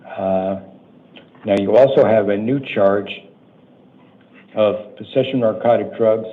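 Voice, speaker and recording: A man presides as judge, delivering routine hearing details in a businesslike, matter-of-fact manner with halting pauses. His voice sits fairly low and barely varies in pitch. The courtroom audio is muffled, with faint noise behind him. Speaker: judge presiding over initial appearance hearings. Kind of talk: procedural court announcements read to defendants.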